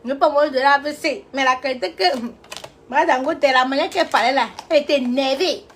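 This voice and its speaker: A woman hosting a casual live stream on her phone, animated and often calling out loudly while laughing. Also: high voice, quick pace, slight background noise. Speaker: livestream host.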